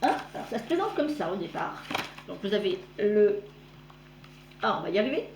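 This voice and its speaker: A middle-aged woman showing her sewing and embroidery gifts in a chatty, halting way, with many fillers and self-corrections. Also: mid-range voice, very animated, reverberant, noisy background. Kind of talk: casual show-and-tell.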